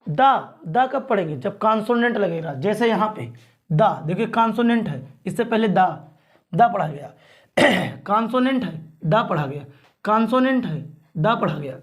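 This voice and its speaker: A male teacher drilling pronunciation in class, repeating each word and asking again and again how to read it, often clearing his throat. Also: high voice, lively intonation, measured pace.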